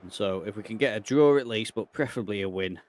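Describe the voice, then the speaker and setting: Breathless guy talking over his football manager game, lowish voice, thinking out loud. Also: fast talker. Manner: thinking aloud, reacting to match moments. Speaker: video game player and channel host.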